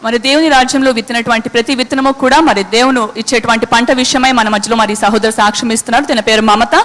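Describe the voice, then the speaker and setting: A woman's voice: a little high, fairly even intonation, fast, fairly bright tone, big-room sound. A woman introducing a testimony in a church, speaking formally with many filler words. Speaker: church announcer.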